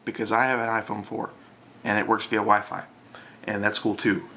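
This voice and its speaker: A man's voice: fairly low pitch, level tone, normal speed, sharp tone, slight background noise. A young man in casual, drunken, loosely rambling chat to a camera, as in a video message to a friend. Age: young adult. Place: small bedroom, indoors.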